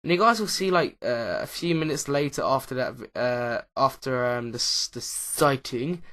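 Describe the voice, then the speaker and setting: A man's voice: mid-range voice, normal speed, a bit bright. A man talking casually over his Minecraft footage as a YouTuber, hesitant and full of uh and um fillers, often losing track mid-sentence. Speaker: YouTuber, Minecraft Let's Player. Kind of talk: casual commentary over gameplay.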